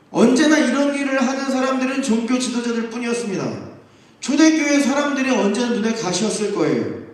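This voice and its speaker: A young man preaching to a youth group, telling the story lively and acting out the voices of the people in it. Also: high-pitched. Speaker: youth pastor. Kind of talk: youth sermon. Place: church sanctuary. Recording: echoey church hall, distant mic.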